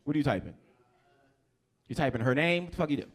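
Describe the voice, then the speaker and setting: A man's voice: fairly high pitch, lively intonation, fast. A young adult man from New Jersey doing a stand-up comedy set, loose and crude, teasing the crowd on a handheld mic. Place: comedy club stage.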